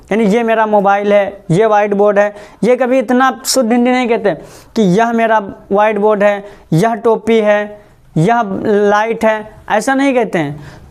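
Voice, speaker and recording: A male teacher giving a grammar lesson, asking quick questions and repeating the answers, slowing words down to show how they are said. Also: extremely high pitch, darkish tone, clean tone. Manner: stretches out words slowly to model pronunciation.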